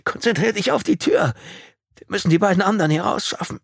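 An injured man fighting panic after a plane crash, his voice forced up high and near shouting. He is strained and in pain, every phrase urgent. A male narrator performs him in a dry, close recording. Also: lively intonation, drawn-out words, vocal fry, husky, no echo, full character voice.

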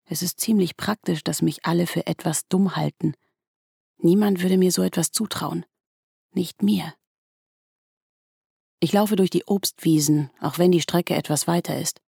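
A woman narrating a first-person literary story in a hushed, tense way, at times sinking to a whisper. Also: lowish voice, gravelly, slightly rough, no echo, studio quality. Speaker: audiobook narrator.

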